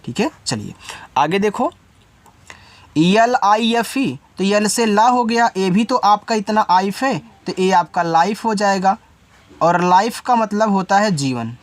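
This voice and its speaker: An English teacher with a mid-range voice and lively intonation gives a step-by-step spelling lesson, a little slowly and with no room sound. Each word is spelled letter by letter, then explained informally and directly to the learner.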